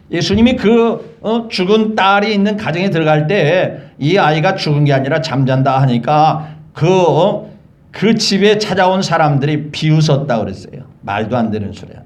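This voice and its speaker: A high-pitched male preacher retells a story in an animated way. He keeps quizzing his congregation with rhetorical questions. He sounds like he is speaking in a church. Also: normal speed, dull audio. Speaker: pastor. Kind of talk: sermon storytelling.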